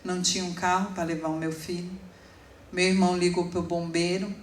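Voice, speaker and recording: A woman in her forties giving an emotional sermon testimony, telling her story slowly with sudden emphatic rises. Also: lowish voice, little pitch movement, a little hiss or hum. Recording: echoey room, speaker far from mic.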